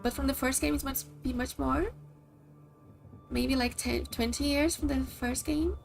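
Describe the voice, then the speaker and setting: Speaking with a Brazilian accent, a woman from Brazil, a native Portuguese speaker, rambles in casual live-stream chat while playing a game over faint game music. Her voice is high-pitched, steady, and gravelly at a measured pace, chatty and peppered with likes and kindas.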